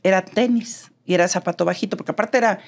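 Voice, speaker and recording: With a mid-range voice and a quick pace, a Mexican woman speaking neutral Mexican Spanish tells her story as an interview guest. She's animated and plays out the dialogue she quotes.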